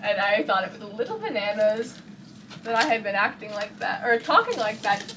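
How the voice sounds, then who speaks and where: A woman's voice: medium pitch, sing-song, normal speed, a bit bright, a little hiss or hum, rough recording. A young woman from Texas with a light Texan accent, rambling in casual chat in her bedroom and often losing her train of thought. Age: young adult. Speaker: vlogger.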